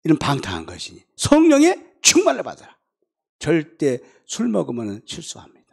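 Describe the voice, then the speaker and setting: A man, a pastor, preaching a revival sermon and telling a personal story, acting out the other voices and swinging from hushed to loud. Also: on the high side, huge pitch swings, a little fast, creaky, husky. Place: church.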